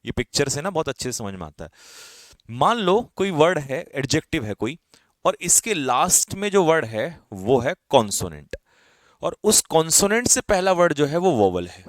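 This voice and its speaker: A man's voice: on the high side, big pitch swings, moderate pace, dry recording, clean studio sound. A man with an Indian accent teaching an English grammar lesson for exam prep, explaining step by step and asking and answering his own questions. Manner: calls students brother, drops his voice at ends of lists.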